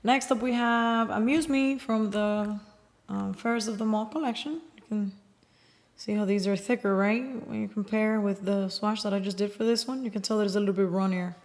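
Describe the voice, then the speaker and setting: A woman's voice: medium pitch, steady tone, normal speed, darkish tone. A woman casually chatting as she swatches and compares nail polishes, swearing now and then and sometimes dropping to a whisper. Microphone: close mic.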